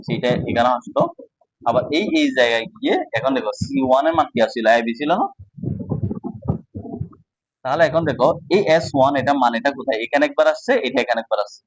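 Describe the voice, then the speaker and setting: A man's voice: medium pitch, fast talker, no room sound, poor audio. A man teaching a casual whiteboard lesson, explaining step by step and often checking that students follow.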